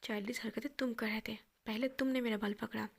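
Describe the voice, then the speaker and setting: Quarrelsome young man in a read-aloud story, fires back fast in a half whisper, voiced by a female reader, fairly high. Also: steady tone, gravelly, slightly rough. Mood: bickering. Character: sharp-tongued young man, bickering and stubborn.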